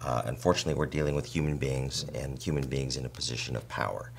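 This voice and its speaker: A man with a very deep voice full of gravelly fry puts frank points in an interview. He is deliberate and politely challenging. A faint hum and noise sit behind his voice. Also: steady tone. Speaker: interviewer representing department members. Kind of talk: interview questioning with long statements. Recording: clear background noise and hum.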